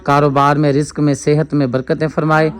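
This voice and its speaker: A man with a fairly high voice talks in a casual vlog style. He is earnest and fervent, and he keeps adding blessings and heartfelt appeals as he hands out food aid. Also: level tone. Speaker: charity vlogger handing out food aid.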